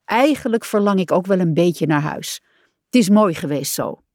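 A woman's voice: fairly low pitch, lively intonation, moderate pace, darkish tone, no room sound, studio quality, close to an everyday voice. A woman voicing an impatient, bossy male rat in a storybook, stern and eager for adventure.

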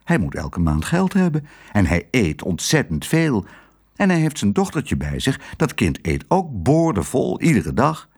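Storybook figure: man doing a bossy thrifty wife, raised pitch, brisk, husky. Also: huge pitch swings, darkish tone, heavily acted. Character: bossy, thrifty middle-aged woman, hotel owner's wife.

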